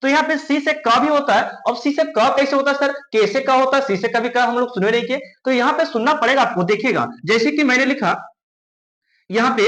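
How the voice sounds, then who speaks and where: A man with a very high voice teaches English letter sounds step by step, asking a question and then answering it himself. He says each example word slowly, again and again. The sound has the echo of a bare room. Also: a bit bright. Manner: repeats words slowly, asks and answers his own questions. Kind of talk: classroom-style phonics lesson.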